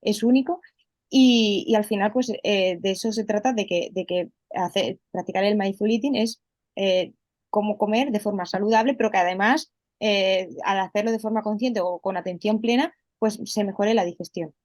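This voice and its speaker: A woman's voice: medium pitch, moderate pace, a little mellow, no room sound. Chatty woman explaining, dry sound. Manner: explanatory, frequent fillers and restarts. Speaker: holistic health coach, guest. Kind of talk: conversational interview.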